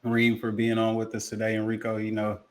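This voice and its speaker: Chill guy guest, slangy, low monotone voice. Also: a little fast. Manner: laid-back, slangy, even-keeled. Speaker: guest, crypto consultant. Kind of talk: casual interview chat.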